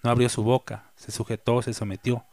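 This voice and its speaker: A man preaching a sermon as a pastor. He reads scripture aloud and slowly repeats the key phrases for emphasis. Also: mid-range voice, flat delivery, darkish tone, dry recording.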